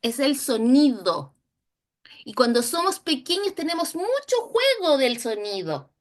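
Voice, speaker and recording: A Chilean woman teaching a recorded training lesson on early reading, slowly sounding out letters and syllables. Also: high-pitched, very animated. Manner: slow, drawn-out modeling of sounds and syllables. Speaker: instructor.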